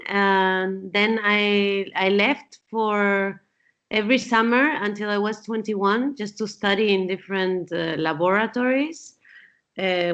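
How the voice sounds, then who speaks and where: A Peruvian woman in her forties, appearing as a guest, answers interview questions thoughtfully, with frequent fillers and restarts. Her voice is mid-range and fairly bright, and the recording has a dull lo-fi sound.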